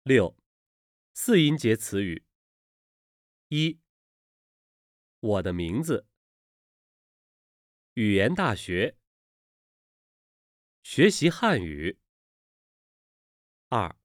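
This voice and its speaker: A speaker slowly reading Mandarin pronunciation drills and example sentences from a textbook, with precise enunciation. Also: mid-range voice, big pitch swings, dry recording, studio quality. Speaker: language lesson reader. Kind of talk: slow, careful textbook reading.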